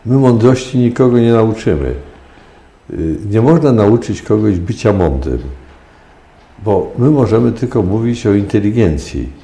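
Deep-voiced older man lecturing emphatically. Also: lively intonation, unhurried, mellow, echoey room. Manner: lecturing, emphatic, with frequent hesitations. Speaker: sexologist guest. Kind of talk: radio interview answers.

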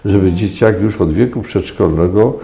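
Deep-voiced older man lecturing emphatically. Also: normal speed, gravelly, mellow, roomy sound. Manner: lecturing, emphatic, with frequent hesitations. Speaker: sexologist guest. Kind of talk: radio interview answers.

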